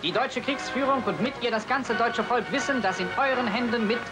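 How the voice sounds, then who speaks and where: A man's voice: extremely high pitch, brisk. A man announcing in an old 1940s newsreel, with formal, declamatory delivery. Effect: old 1940s newsreel sound. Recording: distant newsreel audio with loud music.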